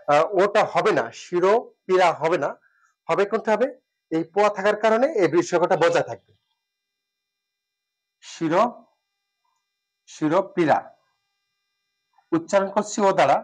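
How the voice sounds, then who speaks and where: A man teaching spelling rules who speaks, repeats words, pauses with fillers and asks and answers his own questions. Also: high voice. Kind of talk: classroom lesson.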